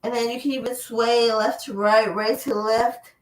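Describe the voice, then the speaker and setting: A woman leading a chair yoga class, guiding breath and movement with slow, soothing, repeated cues. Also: fairly high pitch, fairly even intonation. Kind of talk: guided yoga class with visualization. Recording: echoey room, voice from far off.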